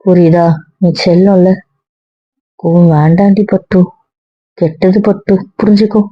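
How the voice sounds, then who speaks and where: A woman acting as a young wife who gently soothes and coaxes her anxious husband, in an amateur serial drama. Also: lowish voice, fairly even intonation, unhurried, dry recording. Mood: soothing. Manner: soothing, coaxing. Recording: dull, dry lo-fi recording.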